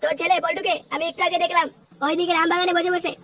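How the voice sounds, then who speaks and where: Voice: very high voice, flat delivery, racing, slight background noise. A performer voicing a nosy, preachy neighbour man who tells tales about a boy. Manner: gossiping, preachy advice. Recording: loud background music.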